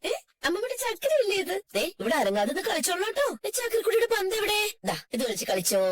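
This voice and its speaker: A woman's voice: high voice, big pitch swings, fast, dry recording. A woman voicing an elderly grandmother who coos at her grandchild in sing-song baby talk and turns frantic when the child goes missing, in an amateur drama dub. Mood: doting. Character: anxious elderly grandmother, doting then frantic. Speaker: fan dub voice actor.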